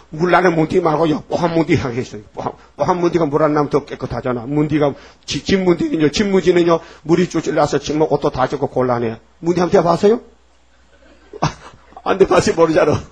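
A man's voice: a little high, darkish tone, breathy edge. A middle-aged man with a Gyeongsang Korean accent, a pastor giving a folksy, joking, emphatic sermon at early morning prayer.

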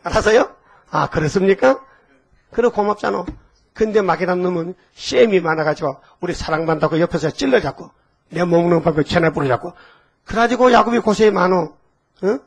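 A man's voice: high-pitched, lively intonation, fairly quick, gravelly, slightly rough. An older pastor, preaching in a folksy storytelling way, quizzing his congregation and leading them in repeated readings. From Gyeongsang province, Korea. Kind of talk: sermon.

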